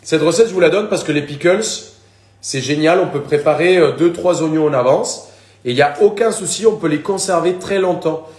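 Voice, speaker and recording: Young Colombian-accented male chef, bit high-pitched, jokes with viewers live from a roomy kitchen. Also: brisk, a little mellow. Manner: chatty and joking, talks to viewers. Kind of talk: live cooking demonstration.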